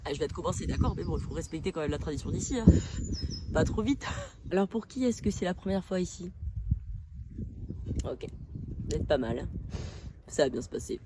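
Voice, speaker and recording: A woman voicing a self-assured male tour guide in a comedy sketch, speaking low and hushed with chuckling asides. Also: lively intonation, fairly quick, long pauses, very noisy. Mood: smug.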